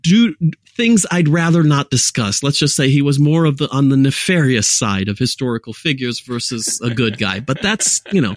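A man's voice: mid-range voice, lively intonation, normal speed, no room sound, clean studio sound. Jokey man with mixed American accent. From United States. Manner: jokey, rambling storyteller. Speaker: guest. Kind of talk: casual interview chat.

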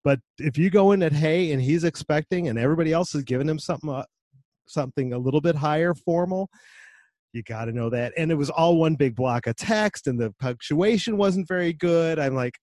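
A man in his forties hosting a podcast, talking enthusiastically and acting out quoted lines with lively asides. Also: mid-range voice, no room sound, studio quality. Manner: animated, quick asides, lively quoted voices. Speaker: podcast host. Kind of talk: enthusiastic conversational interview.

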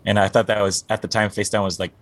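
Here a guest musician, a man in his forties who fronts a band, talks casually in an interview with a lowish voice and flat delivery. He's a fast talker who rambles, keeps restarting sentences and leans on fillers.

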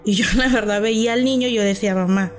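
Talking fast in a mid-range voice with a Mexican Spanish accent, a woman animatedly tells a personal story as a podcast guest. She acts out the voices of the people she quotes, and faint music plays behind her.

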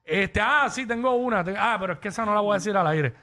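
Upbeat Puerto Rican man, bright and high. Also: fast talker. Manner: joking, lively, teasing callers. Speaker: radio co-host. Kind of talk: casual radio chat taking listener calls.

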